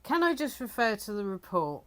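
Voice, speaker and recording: A woman's voice: medium pitch, big pitch swings, moderate pace, a bit bright. A woman from the UK co-hosting a reselling channel, chatting casually with many fillers and reading bits from a report. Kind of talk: casual chat.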